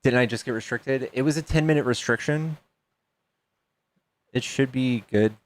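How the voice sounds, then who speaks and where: Here a man in his thirties hosts a relaxed livestream, reading donations out loud and bantering with chat. His mid-range voice moves at normal speed.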